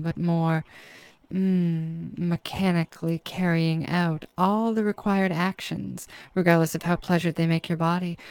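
A woman speaking as a hypnotist, giving a slow, soft, repetitive trance induction. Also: lowish voice, smooth, no echo, poor audio. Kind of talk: scripted erotic hypnosis narration.

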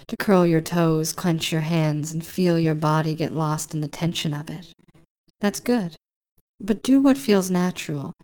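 Low, soft-voiced woman hypnotist. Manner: slow, soft, soothing, lingering phrases. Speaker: hypnosis narrator. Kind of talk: intimate guided hypnosis.

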